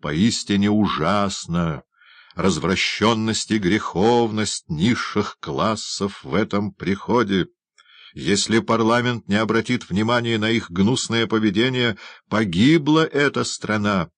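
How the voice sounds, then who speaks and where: A man's voice: low voice, a little slow, no echo. A man reading an audiobook, voicing a pompous, blustering middle-aged male parish beadle who scolds and moralizes indignantly. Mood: moralizing.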